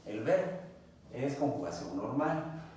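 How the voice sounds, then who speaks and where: A male teacher walks a class through verb forms one at a time, in an unhurried, measured way. His voice reaches the mic from across the room, with a lot of echo. A faint hiss of noise sits under the recording. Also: medium pitch, big pitch swings, dark tone, recorded from a distance. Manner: patient, spells out each form step by step. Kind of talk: slow classroom grammar lesson. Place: classroom at a board.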